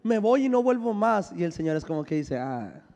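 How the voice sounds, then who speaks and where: High-voiced pastor preaching in a reverberant hall. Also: male voice, lively intonation, fairly quick, vocal fry, darkish tone. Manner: preaching with call-and-response, joking asides. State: unwell, says he is sick. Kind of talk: sermon.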